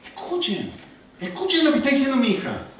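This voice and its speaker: Animated Argentine pastor in an echoey hall. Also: male voice, very high-pitched, brisk. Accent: Argentine Spanish. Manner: animated storytelling with rhetorical questions. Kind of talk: sermon. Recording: echoey room, far from the mic.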